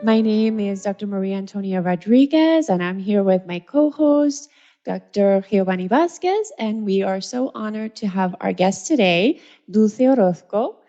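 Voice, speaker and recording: A woman's voice: mid-range voice, expressive, moderate pace, dark tone. A woman hosting a podcast who opens the show in a welcoming, polite way. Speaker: podcast host. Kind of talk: scripted show intro. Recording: muffled audio with faint music.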